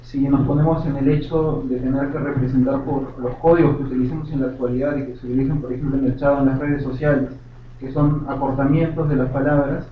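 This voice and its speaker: A man's voice: a little high, slight background noise. A man with a Peruvian Spanish accent, commenting from the floor of a seminar, explaining a point didactically with examples and careful distinctions. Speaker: audience member adding a clarification. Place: university auditorium. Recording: distant, echoey auditorium, tinny phone-like sound.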